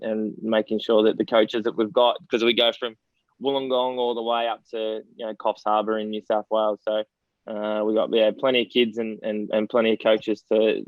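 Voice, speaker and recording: A man's voice: fairly low pitch, no room sound. Australian man, 40s, chatty storyteller guest, dry dull recording. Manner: rambling storyteller, laughs through anecdotes. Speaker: interview guest, former footballer. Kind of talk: casual podcast interview.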